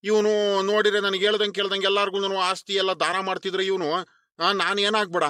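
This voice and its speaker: A man's voice: high-pitched, flat delivery, a little fast, bright, forceful tone, smooth, no echo, studio quality. A man voicing a stubborn, grumbling elder brother. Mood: resentful. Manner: grumbling, stubborn, repeats himself. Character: resentful middle-aged village man, elder brother demanding his share. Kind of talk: animated cartoon voice acting.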